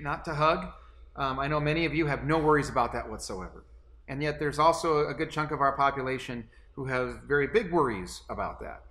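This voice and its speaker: A man's voice: mid-range voice, sharp tone, slight background noise. A man in his forties, a pastor, seated in a small room making an earnest church announcement to camera, with frequent restarts and repeated words.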